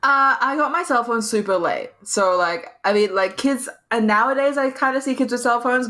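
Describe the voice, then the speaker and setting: A woman co-hosting a casual podcast chat, telling lively stories, acting out quotes and swearing freely. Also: on the low side. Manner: animated storyteller, acts out quotes, swears freely. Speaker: podcast co-host.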